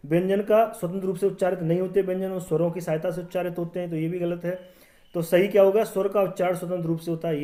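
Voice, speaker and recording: A male teacher going through exam-prep quiz questions, repeating each question and checking in with the viewer, his sentences often trailing off quieter. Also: high-pitched. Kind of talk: quiz walkthrough, explaining answers.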